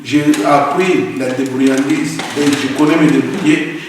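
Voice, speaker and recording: A man's voice: medium pitch, steady tone, a little slow. Man, earnest guest, long hall reverb, faint noise. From Congo (DRC). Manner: earnest, emphatic, repeats words while searching. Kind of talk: interview answers. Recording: echoey roomy hall from a distance, faint noise.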